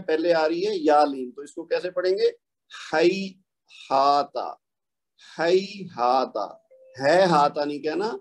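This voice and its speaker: A man's voice: on the high side, darkish tone. A man teaching a recitation lesson, patiently explaining rules, asking questions and answering them himself, and sounding out examples. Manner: patient, asks and answers his own questions. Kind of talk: tajweed lesson, explaining and modeling pronunciation.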